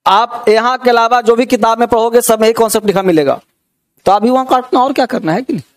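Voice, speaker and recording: Teacher, male, high-pitched, Indian accent, coaxing classroom delivery that keeps checking for understanding. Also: fast. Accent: Indian English words in Hindi. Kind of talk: classroom grammar lesson.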